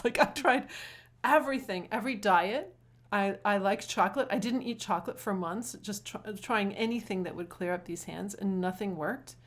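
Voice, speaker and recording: A middle-aged woman, a performance coach, telling stories in an interview conversation with lively, animated delivery. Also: medium pitch. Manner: animated storytelling, acts out quotes.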